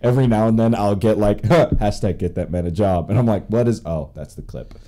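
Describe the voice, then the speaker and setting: A man's voice: lowish voice, brisk, warm tone. A man hosting a podcast in casual chat, rambling with many restarts and fillers. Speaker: podcast host.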